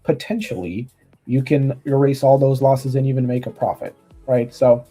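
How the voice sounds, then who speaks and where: A man's voice: mid-range voice, level tone, normal speed, dark tone, slightly rough, soft background music. A man from Romania, a guest trader, gives earnest motivational advice in casual chat over a video call, often restarting his sentences.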